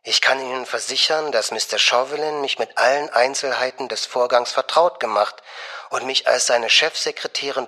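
A man voicing a gushing young female bank secretary, soft and honeyed, sometimes dropping to a whisper. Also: mid-range voice.

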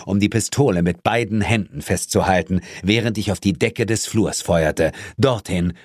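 A man narrating a first-person story in a lively, mock-dramatic way. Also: fairly low pitch, dry recording, clean studio sound. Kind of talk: first-person audiobook reading.

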